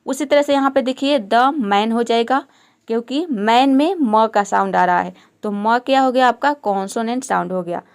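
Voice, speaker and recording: A woman's voice: fairly high pitch, normal speed, a little mellow, clear, resonant tone. A woman teaching English grammar step by step, patiently asking questions and answering them herself.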